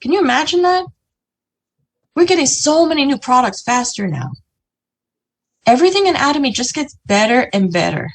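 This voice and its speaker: A woman whose first language is English presents a conversational, motivational business talk on a video call, often adding "right?" and "you know." Her high, husky voice has a sing-song lilt, a moderate pace, and frequent pauses.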